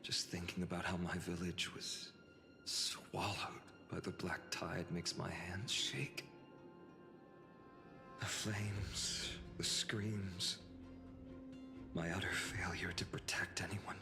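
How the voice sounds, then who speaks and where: An actor playing an earnest, tormented young warrior hero in a game, solemn, breathy and intense. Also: male voice, deep voice, level tone, slow pace, pauses often, whispered. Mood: anguished. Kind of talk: dramatic game voice acting. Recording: long reverb, music over voice.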